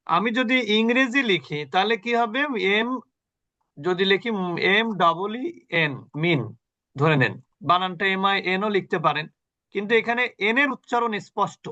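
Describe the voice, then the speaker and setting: A man teaching Quran recitation rules in an online class, explaining patiently, quizzing his students and chanting example words slowly. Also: sits high, expressive, pushed and bright, lo-fi sound. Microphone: video call.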